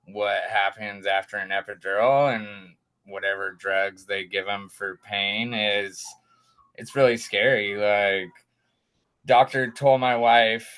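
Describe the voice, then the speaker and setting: A young man, a guest father, telling his story in a casual, animated way and acting out the quotes. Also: slow pace, smooth. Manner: animated, acts out quotes with raised pitch.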